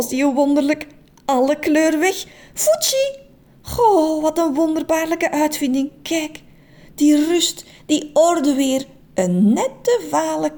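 A woman playing fussy storybook man, gushing exclamations, high voice, swooping pitch. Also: a little mellow, heavily acted. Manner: exclamatory, gushing, talks to himself. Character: fussy excitable grown man who loves colorless order.

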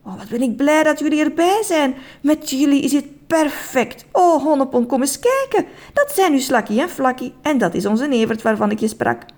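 A woman's voice: sits high, animated, a little mellow, voice pushed up. A woman doing a gushing, tearful bride-lady from a storybook. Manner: gushing, halting, affectionate. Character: emotional tender bride, a female thief-lady.

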